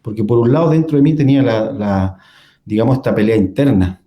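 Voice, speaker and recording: Mellow-voiced man telling his story. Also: fairly low pitch, a little fast. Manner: storytelling with frequent fillers and laughs. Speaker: guest. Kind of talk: casual testimony in a conversation.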